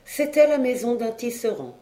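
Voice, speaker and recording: An audiobook reader narrating a classic novel in a measured, steady way. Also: medium pitch.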